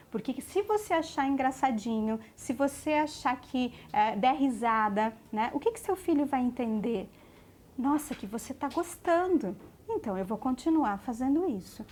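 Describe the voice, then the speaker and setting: A Brazilian woman speech therapist explaining children's speech development to parents, checking in often with tag questions and slowing down for warnings. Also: fairly high pitch, darkish tone. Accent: Brazilian Portuguese. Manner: slows to stress warnings. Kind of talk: educational talk to parents.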